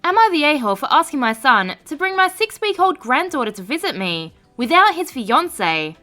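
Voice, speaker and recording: A high, bright woman's voice swinging widely up and down as she reads online stories aloud. She gives each post's comments a sarcastic, expressive edge, with faint music playing underneath. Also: normal speed. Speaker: narrator. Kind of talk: reading reddit stories aloud.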